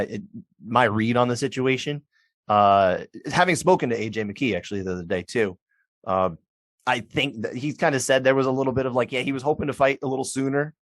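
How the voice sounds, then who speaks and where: Speaking at medium pitch on a dry recording, a man co-hosts a casual sports podcast. He talks at length, keeps restarting his sentences, and does quick voices for others.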